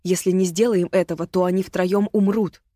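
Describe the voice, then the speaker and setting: A woman reading an audiobook voices a worried young woman who speaks hoarsely and gravely. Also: fairly low pitch, fairly even intonation, moderate pace, mellow, no echo, clean studio sound, natural voice.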